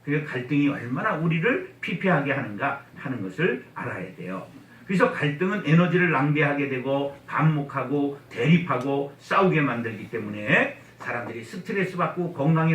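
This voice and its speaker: A man preaching a humorous revival sermon, getting the congregation to repeat after him and mimicking slow regional speech. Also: on the high side, a bit bright. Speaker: guest pastor at a revival meeting. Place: church sanctuary. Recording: echoey church hall, mic at a distance.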